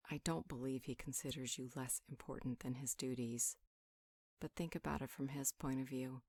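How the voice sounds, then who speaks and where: Earnest and reassuring, a woman plays a calm healer in fantasy roleplay audio, delivering one half of a conversation as a monologue. Her low voice is captured dry and close without echo or room sound, and she counsels conversationally, reasoning through things and soothing along the way.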